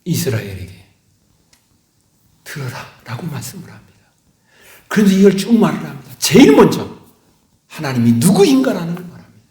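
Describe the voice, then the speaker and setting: A middle-aged male pastor preaching a sermon, swinging between loud emphasis and hushed whispers. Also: sits high, wildly swooping pitch, fairly quick, pauses often. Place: church sanctuary. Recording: echoey church hall.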